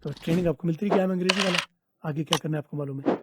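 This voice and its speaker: A middle-aged man from Pakistan teaching spoken English, repeating phrases slowly to drill pronunciation. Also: on the high side, heavy background noise.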